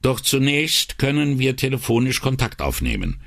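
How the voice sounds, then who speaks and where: A man voicing a thoughtful senior police commissioner with a measured, authoritative way of talking. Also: mid-range voice, huge pitch swings, gravelly, fairly bright tone, dry recording, studio quality, voice pushed up, exaggerated voice.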